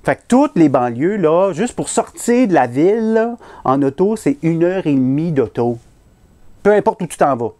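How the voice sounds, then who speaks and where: A man's voice: a little high, sing-song, normal speed, mellow. A man with a Québécois French accent performing a comic story, self-mocking and punchline-driven.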